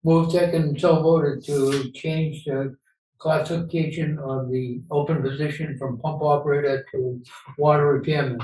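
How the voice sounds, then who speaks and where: Guy chairing a town meeting, polite and brief, kinda higher voice, far from the mic. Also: level tone, a little slow, warm tone, roomy sound, slight background noise. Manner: brief and courteous. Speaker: commission chair.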